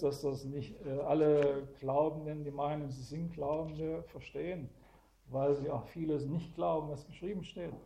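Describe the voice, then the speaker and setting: A man's voice: on the high side, vocal fry, warm tone. A man teaching the Bible to a small group, explaining verses one by one and often adding "gell?" to check that listeners follow. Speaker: preacher.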